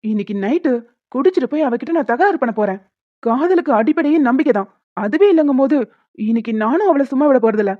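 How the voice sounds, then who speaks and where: A woman's voice: high voice, expressive, no room sound. A woman voicing a hot-headed young brother. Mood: indignant. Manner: indignant, fast and blustery. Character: hot-tempered young man, the elder brother. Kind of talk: cartoon voice acting. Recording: dull lo-fi dry recording.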